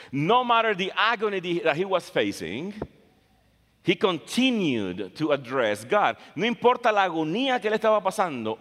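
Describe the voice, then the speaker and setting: Slow, lively-voiced preacher in a hall. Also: male voice, high voice. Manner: emphatic, repeats phrases for stress. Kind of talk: bilingual sermon, English and Spanish in turn. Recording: long reverb of a large hall.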